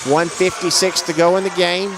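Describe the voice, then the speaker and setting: A man doing live play-by-play commentary on a basketball game, brisk and matter-of-fact, raising his voice on big plays. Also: high-pitched, flat delivery, background noise. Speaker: play-by-play announcer.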